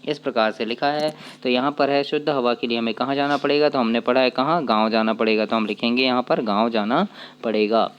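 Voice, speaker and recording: Man with a smooth, clear voice. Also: medium pitch, fairly even intonation, muffled recording. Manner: explains step by step, asks and answers his own questions; reads poem lines slowly. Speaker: teacher. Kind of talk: workbook lesson walkthrough.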